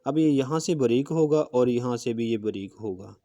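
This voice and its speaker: In this recorded calligraphy lesson, a man with a mellow mid-range voice speaks at a moderate pace, demonstrating pen strokes with a marker. He explains everything patiently one step at a time, frequently checking in with "okay."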